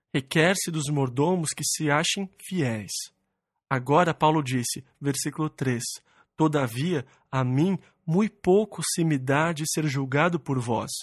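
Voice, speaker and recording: A man's voice: on the high side, dry recording, studio quality. A man preaching an expository Bible sermon, reading verses and then explaining them plainly, sometimes acting out quoted complaints in first person.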